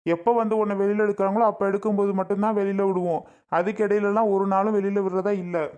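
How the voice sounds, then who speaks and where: A man's voice: high voice, little pitch movement, fast, a little mellow, smooth, natural voice. A man voicing a stern but fair police officer in a cartoon, speaking firmly and matter-of-fact.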